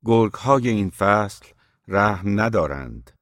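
A man's voice: lowish voice, lively intonation, a bit bright, no echo, studio quality. A man reading an audiobook, voicing a cold, weary young traveler who asks anxious, pleading questions.

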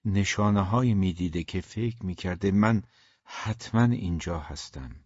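A man's voice: deep voice, darkish tone, dry recording. A man voicing a timid, brooding grown man who speaks in a subdued, hesitant way, in a dull, dry recording.

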